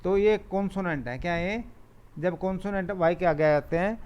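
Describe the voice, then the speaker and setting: A man's voice: high voice, moderate pace, darkish tone, clear, resonant tone. A male teacher, giving a lesson to children, repeating word lists and reading grammar rules aloud.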